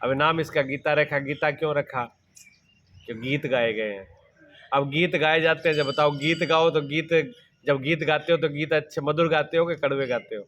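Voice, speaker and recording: A man's voice: fairly high pitch, fairly even intonation, moderate pace, fairly bright tone, dull audio, a little hiss or hum. A middle-aged man giving a devotional sermon as a spiritual teacher. He asks rhetorical questions, answers them himself, and repeats plain everyday examples. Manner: repetitive, folksy everyday examples.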